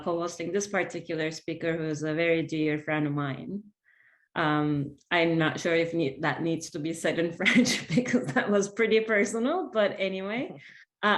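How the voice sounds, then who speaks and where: Hesitant low-voiced woman in an echoey room. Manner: hesitant, self-interrupting, rephrasing often. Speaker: research center representative, event co-host. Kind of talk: informal spoken introduction at an online event. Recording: roomy, echoing video call audio.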